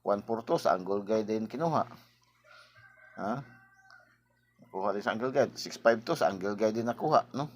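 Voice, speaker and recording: A hoarse man chatting casually with his viewers as a lottery tip vlogger, rambling and tagging his sentences with a questioning "no?". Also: on the low side, expressive, moderate pace, long pauses, slight background noise. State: hoarse, clearing his throat.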